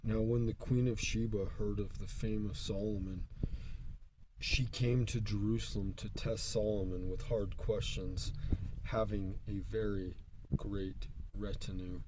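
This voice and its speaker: A man reads scripture aloud stiffly and haltingly, breaking it into short phrases. His voice is somewhat low and very monotone, and he goes very slowly. The recording has clear background noise and clicks. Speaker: Bible reader.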